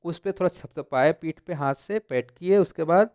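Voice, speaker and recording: Male tutor with a smooth, clear voice and a slightly high pitch, reading text deliberately, then explaining casually. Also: a little mellow, no room sound. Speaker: teacher explaining a textbook story. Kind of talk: line-by-line lesson, reading English text slowly then explaining in Hindi.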